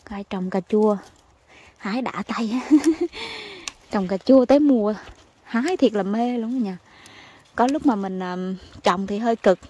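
A woman from Vietnam, chatting excitedly to her viewers as she picks vegetables in her home garden outdoors. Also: mid-range voice, normal speed, slight background noise. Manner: chatty and exclamatory, calls viewers family. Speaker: gardening vlogger. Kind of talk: casual chat to viewers while harvesting.

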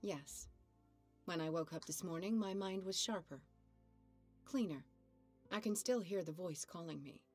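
Husky, low-voiced haunted woman. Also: unhurried, pauses often. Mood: haunted, grave. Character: haunted, solemn woman resisting an ancient voice. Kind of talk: dramatic video game acting. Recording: game dialogue over background music.

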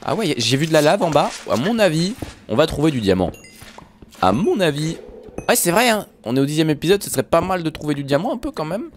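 A Minecraft YouTuber gives casual, jokey commentary over his gameplay, speaking straight to viewers in a slightly high, sing-song, brisk voice and yelping when startled. The audio has a little hiss or hum.

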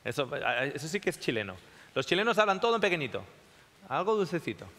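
Male lecturer, high, sharp voice, keeps checking in with the audience; long hall reverb. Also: very animated, fast. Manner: checks in often with the audience, repeats phrases. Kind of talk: classroom talk to a live audience.

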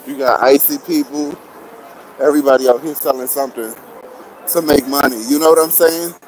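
Carrying or wearing a phone camera, a sweaty, breathless man livestreams as he walks through a busy city, chatting casually with viewers, greeting them, and pleading for shares. He speaks fairly quickly at a medium pitch with a steady tone. The recording is rough, with street traffic and city noise behind him.

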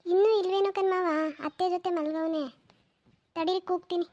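A woman doing a loud bossy village mother. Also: very high voice, fairly even intonation. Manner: shouting, brisk. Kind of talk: cartoon voice acting.

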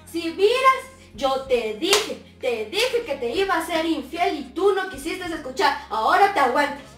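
A woman's voice: high voice, measured pace. A woman voicing a stern middle-aged mother who lectures and scolds her daughter about love. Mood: scolding. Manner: bossy, lecturing, insistent. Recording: roomy sound from a distant mic, faint music.

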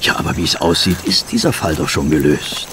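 An actor playing Doctor Watson, a good-natured, commonsense companion to a detective in a radio play, plain-spoken and a little hesitant. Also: male voice, a bass voice, brisk, background noise. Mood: mildly chiding. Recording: outdoor insect and animal ambience behind.

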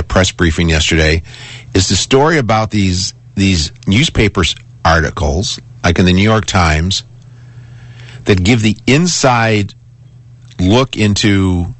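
A man's voice: low voice, no room sound. A man hosting a talk radio show in a casual, conversational way, repeating and restarting phrases for emphasis. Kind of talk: casual talk radio monologue and caller chat. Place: radio studio. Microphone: close studio broadcast microphone.

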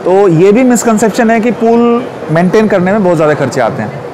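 A man in his forties giving a confident, persuasive sales pitch at a stall in a large exhibition hall. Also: expressive, a little fast, background noise. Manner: confident, persuasive, gestures while explaining. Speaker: pool company representative.

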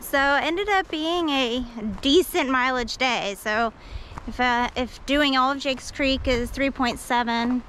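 This hiking vlogger's voice sits high and fairly bright, and she's in no hurry as she talks to an action camera on a forest trail, alone. She rambles, jokes at her own expense and leans on many fillers. It's a rough recording with slight background noise.

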